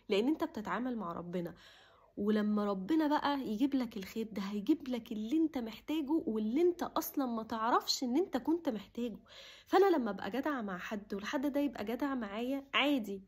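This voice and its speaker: A young Egyptian woman with a husky, breathy voice, pitched a bit high, rushing through a personal story. She talks heartfelt and emotional, sometimes slipping into a near whisper. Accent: Egyptian Arabic. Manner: emotional, heartfelt, drops to a soft whisper at times. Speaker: vlogger. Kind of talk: casual personal talk to camera.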